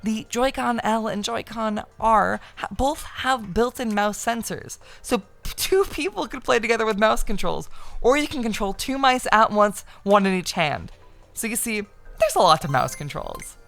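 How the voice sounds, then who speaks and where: A woman streamer chatting casually on a live stream, excitable and swearing freely as she reads game text aloud. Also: fairly high pitch, moderate pace, creaky, faint music behind.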